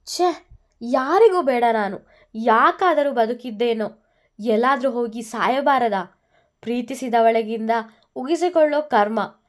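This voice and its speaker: A woman's voice: fairly high pitch, unhurried, pauses often, close to an everyday voice. A woman voicing a hot-tempered young husband who turns sulky and tipsy, her voice raised above her narration. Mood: drunk self-pity.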